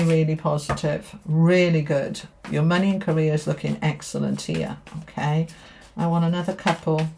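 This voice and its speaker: A woman's voice: low-pitched, warm tone, a little hiss or hum. A woman giving a tarot reading straight to viewers, speaking in an emphatic, affirming way and repeating key phrases. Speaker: tarot reader.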